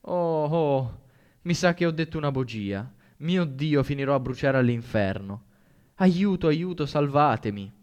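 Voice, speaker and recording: A man voicing a sarcastic teenage boy bully in an audiobook, with a slow mocking drawl. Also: medium pitch, sing-song, darkish tone, lo-fi sound, natural voice. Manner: mocking, drawn-out taunting delivery. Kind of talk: audiobook character voice.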